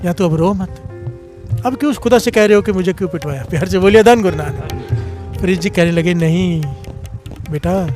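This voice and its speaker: A man's voice: normal speed, pauses often, a little mellow, soft background music. A man preaching a devotional sermon, telling a story with half-sung phrases and calling out for the congregation to respond. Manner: storytelling, half-sung phrases, swells in pitch when moved.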